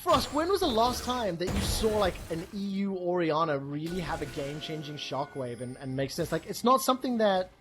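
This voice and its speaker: A man calling a live esports match play-by-play, brisk and rising sharply when the fights break out. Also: sits high, sing-song, a bit bright, soft background music.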